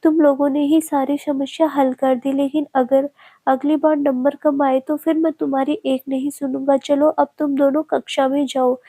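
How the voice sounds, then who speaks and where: Woman doing a strict but kind professor dad, mellow even voice. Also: sits high, normal speed. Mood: teasing. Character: kindly middle-aged male professor, stern but amused.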